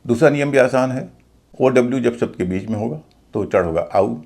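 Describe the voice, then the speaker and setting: A man with an Indian accent teaching English pronunciation in a video lesson, spelling out letters slowly before saying each word. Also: medium pitch, lively intonation, creaky, a little mellow.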